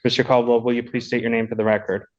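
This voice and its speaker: A man serving as public defender speaks quickly and formally to the bench in a lowish, flat voice. The sound comes from a dull, lo-fi courtroom audio recording. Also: slight background noise. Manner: polite, formal, rapid delivery.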